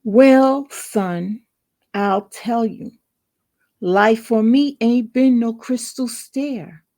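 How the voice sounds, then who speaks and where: A woman gives voice to a tired, determined mother urging her boy onward in an unhurried, earnest poetry reading. The voice sits a touch high with a gravelly grain. Some lines fall away into a whisper. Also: dark tone. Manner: slow, earnest, partly whispered recital.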